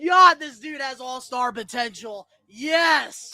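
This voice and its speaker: A man streaming a live reaction, excitable, shouting and swearing in bursts of joy. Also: very high-pitched, takes it slowly, no echo, clean studio sound. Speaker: streamer reacting to a sports draft.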